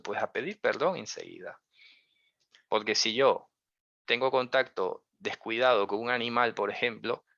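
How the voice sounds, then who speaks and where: A man's voice: medium pitch, pushed and bright, no room sound. A man teaching a religious lesson in a conversational way, asking many rhetorical questions and carefully hedging his interpretations. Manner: conversational, full of rhetorical questions and check-ins. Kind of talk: explanatory lesson. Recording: dull, dry lo-fi recording.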